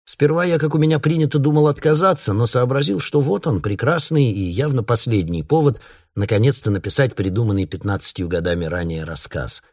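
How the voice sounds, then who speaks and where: A man, the author, reading his own story aloud in a measured, literary manner. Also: medium pitch, darkish tone. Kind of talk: audiobook narration.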